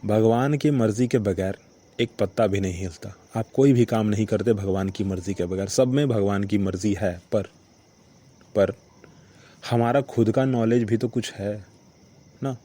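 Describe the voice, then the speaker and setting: Low, mellow-voiced man musing aloud. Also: a little slow. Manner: reflective, repeats points with "ठीक है" and "ना". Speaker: podcast host. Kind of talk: casual spoken monologue.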